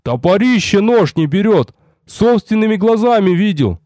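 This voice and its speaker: A man's voice: high voice, very animated, normal speed, mellow, no room sound, pitched above the performer's own voice. A man voicing a young male sentry who wails and begs from a wall. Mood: pleading. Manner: whining, wailing calls.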